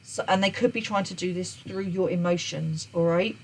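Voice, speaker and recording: A woman's voice: lowish voice, normal speed, slight background noise, poor audio. A woman gives an unscripted tarot reading. She talks earnestly, often repeats and restarts her phrases, and checks in with "okay?". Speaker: tarot reader.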